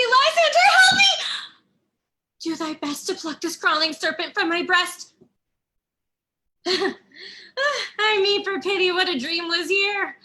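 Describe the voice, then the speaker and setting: A woman playing a modest, spirited young woman in love, speaking Shakespeare's verse with lively expression. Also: high voice, full character voice. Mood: frightened. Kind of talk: Shakespeare reading.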